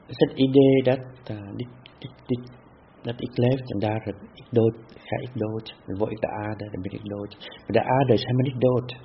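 A man giving a spiritual talk as a meditation teacher, speaking deliberately with repetitive phrasing and halting restarts. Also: on the low side, fairly even intonation. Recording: dull lo-fi with faint hiss.

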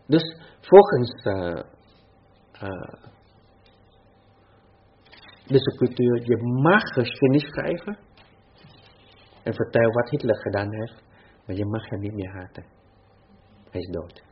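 Husky low-voiced man giving a dharma talk. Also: expressive. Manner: slow, repetitive, frequent restarts and fillers. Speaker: Buddhist teacher. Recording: dull lo-fi recording.

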